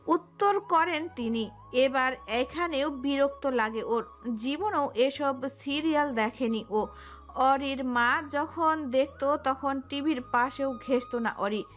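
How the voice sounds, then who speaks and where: A woman narrating a romantic audio story in an expressive storytelling manner. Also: sits high, takes it slowly, faint music behind.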